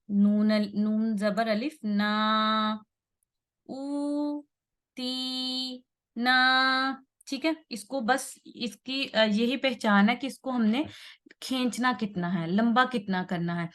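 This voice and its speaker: A woman's voice: fairly high pitch, steady tone, measured pace. A woman teaching Quran recitation rules. She explains patiently, draws out vowel sounds to show their length and checks in often with her listeners. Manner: patient, repeats and stretches sounds, checks in with "theek hai". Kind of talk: slow tajweed lesson at a whiteboard.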